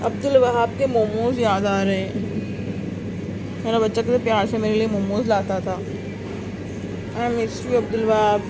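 A woman's voice: fairly high pitch, fairly even intonation, normal speed, long pauses. A woman vlogger with an Indian Hindi-Urdu accent, chatting casually about products and prices while walking through a large supermarket, recorded on a phone. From South Asia. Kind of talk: casual walk-through vlog. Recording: phone video with store noise.

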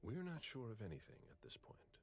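A man's voice: fairly low pitch, wildly swooping pitch, brisk, creaky, a little mellow, a little hiss or hum, full character voice. A man voicing a terse male FBI agent in a video game, asking clipped questions.

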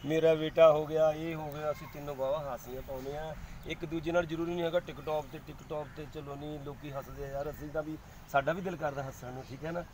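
A man's voice: fairly high pitch, steady tone, quick pace, hardly any pauses, a little mellow, slight background noise, poor audio. A man in his forties with a Punjabi accent, answering questions casually in an outdoor interview. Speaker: comic performer being interviewed. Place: outdoors in a leafy park.

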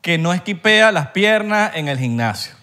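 A man's voice: sits high, expressive, moderate pace, bright, forceful tone. A man co-hosting a casual podcast, joking and teasing his guests.

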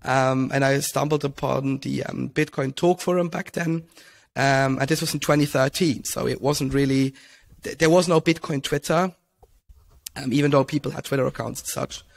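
A man's voice: mid-range voice, steady tone, moderate pace, gravelly. A young man from Switzerland, a podcast guest, talking casually over a headset mic with many ums and restarts. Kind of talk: casual interview talk. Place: home room, indoors.

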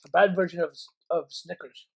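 A woman's voice: lowish voice, fairly even intonation, fairly quick, creaky, husky. A woman, a mother in a family vlog, chatting casually and laughing often as the family taste-tests snacks.

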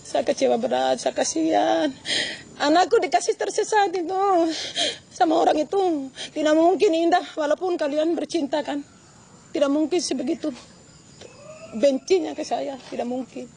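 Older woman, tearful and indignant, very high, warm and gravelly; faint noise. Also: moderate pace. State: crying. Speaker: interviewee. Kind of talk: emotional interview testimony.

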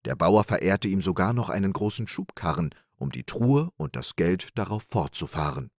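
A man reads a fairy tale aloud in a calm, measured way for listeners winding down. His voice is low and steady. The recording is dry and close. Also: dry recording. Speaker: audiobook narrator.

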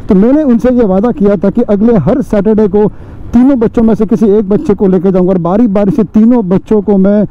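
Riding his motorcycle through city and village roads, a motovlogger in his forties chats casually to viewers as if they were friends, using lots of fillers. His voice sits high and moves fairly quickly. The helmet or bike-mounted action camera mic gives dull lo-fi audio with faint traffic and road noise.

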